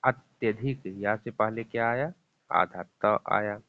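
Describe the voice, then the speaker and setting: A man with a lowish voice gives a grammar lesson at a slow, patient pace. He repeats each example and quizzes the viewer as he goes. The sound is thin and tinny, like a phone line. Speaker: teacher.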